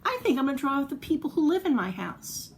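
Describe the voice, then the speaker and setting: Reading aloud at a children's storytime, a woman uses a high voice with big pitch swings and a brisk pace, and a little hiss or hum can be heard. She chats encouragingly with the young listeners, asking questions and explaining things simply.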